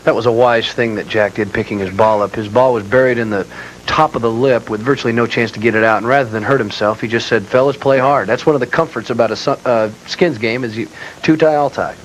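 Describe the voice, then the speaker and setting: A man's voice: medium pitch, fast, a little hiss or hum, rough recording. A man giving conversational colour commentary as a golf commentator on a live broadcast.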